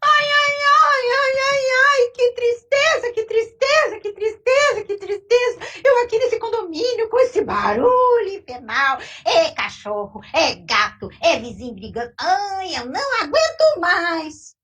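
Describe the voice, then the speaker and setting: A woman's voice: extremely high pitch, very animated, measured pace, hardly any pauses, bright, forceful tone, recorded from a distance, pitched above the performer's own voice, full character voice. A woman voicing a never-satisfied old woman who wails and sobs over her troubles in a told story. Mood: wailing. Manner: whiny lamenting sighs, sobbing.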